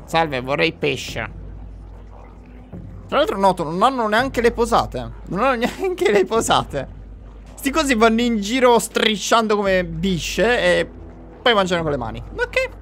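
A young man talks his way through a horror game, cracking jokes and talking to his viewers. His voice sits high and swings widely, jumping into frantic shouts when he gets chased. A faint hiss stays under the desk mic. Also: measured pace. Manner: excitable, jokey, swings to panicked yelling; addresses viewers directly. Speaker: gamer playing a horror game. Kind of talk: let's play commentary.

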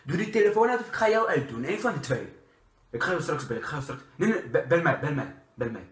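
A man's voice: fairly high pitch, very animated, quick pace. A young man playing an impatient, bossy Moroccan-Dutch burglar in a comedy sketch, scolding and repeating himself in Moroccan Dutch street slang. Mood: brusque. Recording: roomy echo of a bare room.

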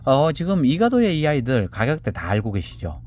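A man talks in an easy, chatty way as he presents pots to sell. His pitch moves a lot, rising and falling through each phrase. He reads out each measurement in a gentle, unhurried manner. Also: wildly swooping pitch. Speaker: seller presenting handmade pots. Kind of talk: casual sales presentation. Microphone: camera on a table.

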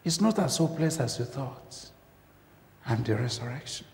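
A man preaching a sermon, impassioned, moving from loud declarations to hushed near-whispers. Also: medium pitch, lively intonation, moderate pace, vocal fry, slight background noise. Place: church. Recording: church hall reverb.

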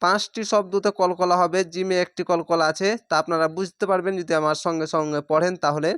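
A man teaching Quran reading, with a Bangladeshi Bengali accent, who spells out each syllable slowly and stretches the vowels. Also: high voice, little pitch movement, a bit bright, clear, resonant tone, dry recording, clean studio sound. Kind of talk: spelling-out recitation lesson.

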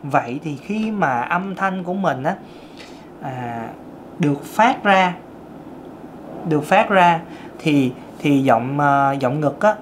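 A Vietnamese singing teacher with a thin, light tenor chats casually through a lesson, poking fun at himself and demonstrating scales. His voice sits on the high side and sounds animated, though he speaks slowly with long pauses. A faint hiss or hum runs underneath.

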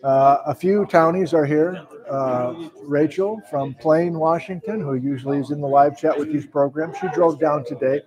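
A man's voice: fairly high pitch, moderate pace, few pauses, muffled recording, crowd noise. A man hosting a university lecture livestream in casual chat, greeting viewers by hometown. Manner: chatty, reads out viewers' hometowns. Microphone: mic worn by host.

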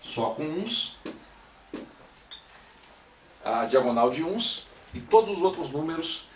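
A man's voice: a little high, big pitch swings, slow pace, slight background noise. A man teaching a math lesson step by step, often checking in with his students as he works. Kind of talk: recorded classroom-style lecture. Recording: echoey room, mic at a distance.

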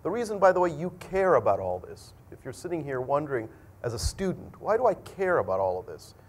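A middle-aged man acting as a school dean gives students an explanatory, conversational presentation from a podium in an indoor lecture room. His voice is a little high, with big pitch swings, and he speaks fairly quickly. A faint hiss or hum runs through the recording.

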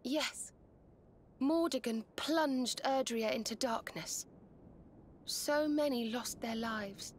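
An actress voicing a gentle, earnest young woman companion in a video game, speaking softly and with feeling. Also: fairly high pitch, slow, slight background noise. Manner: soft, heartfelt, consoling.

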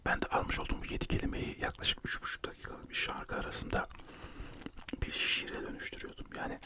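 A man whispering a relaxed ASMR chat while chewing gum, telling stories in a rambling, talkative way. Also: fast talker. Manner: chatty, rambling storytelling. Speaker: ASMR video creator.

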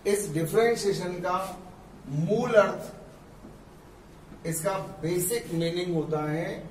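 A physics teacher gives a classroom lecture, explaining step by step and repeating terms slowly. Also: male voice, sits high, slight background noise. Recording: echoey room, mic far off.

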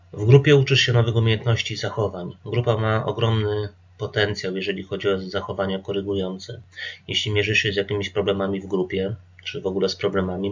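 A man, an addiction therapist, calmly explaining group therapy rules straight to the listener in an instructive presentation. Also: lowish voice, gravelly, highs cut off. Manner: calm, instructive, addresses listener directly. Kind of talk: talking-to-camera presentation.

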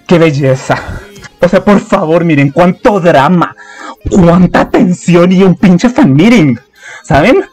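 A man with a Colombian accent hosting a reaction video, talking excitedly and exclaiming at his viewers. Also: sits high, slow pace, faint music behind. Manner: animated, exclamatory, chatty with viewers.

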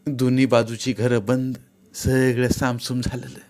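Male audiobook storyteller, steady delivery. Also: medium pitch, a little slow. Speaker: audiobook narrator.

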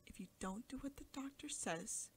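A woman's voice: fairly high pitch, animated, normal speed, a little hiss or hum, voice pushed up, natural voice. A woman voicing a worried mother who scolds her stubborn child in a story reading. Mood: scolding. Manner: scolding, fretful. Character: anxious, scolding mother of a sick girl.

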